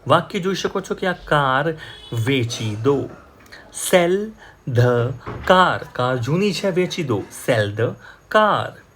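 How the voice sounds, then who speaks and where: Slow Gujarati man teaching English words. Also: fairly high pitch, very animated, a bit bright, a little hiss or hum. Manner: slow, repeats each English word and example sentence carefully. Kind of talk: teaching vocabulary.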